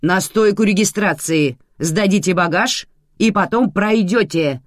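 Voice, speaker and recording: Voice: mid-range voice, measured pace, no room sound, clean studio sound, voice pushed up, lightly acted. A reader voicing a stern female airport supervisor who barks orders and interrogates. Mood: shouting. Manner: harsh, shouting, interrogating.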